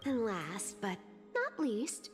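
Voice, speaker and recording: A woman's voice: fairly high pitch, wildly swooping pitch, slow pace, big-room sound, exaggerated voice. A playful catlike thief girl, swoopy teasing voice, game music faint behind. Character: sly cat-like young female thief, teasing trickster.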